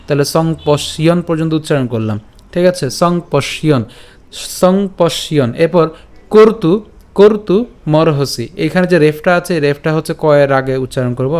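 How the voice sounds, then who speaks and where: A man with a Bengali accent teaching scripture recitation step by step, patiently repeating each word slowly and chanting the verses in a tune. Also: a little high, darkish tone.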